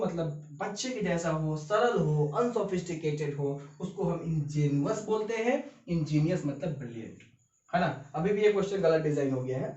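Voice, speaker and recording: A man's voice: sits high, darkish tone. A man giving a vocabulary lecture, emphatic and often checking that students follow. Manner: emphatic, repeatedly checks understanding. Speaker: vocabulary teacher. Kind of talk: classroom lecture. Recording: roomy, distant, dull lo-fi sound.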